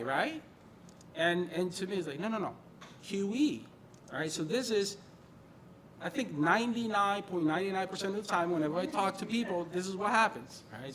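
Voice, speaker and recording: In a meeting room before an audience, a middle-aged quality engineering manager gives an informal tech meetup talk. Born in Brazil and raised in northern New Jersey, he speaks conversationally and emphatically, repeating phrases for stress, in a slightly high voice over a little hiss or hum.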